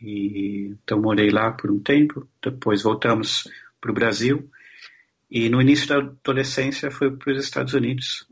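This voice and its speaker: A man's voice: fairly low pitch, gravelly, breathy edge, lo-fi sound. A man from Brazil, a social scientist guest, answering interview questions thoughtfully with frequent restarts. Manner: thoughtful, halting, many restarts.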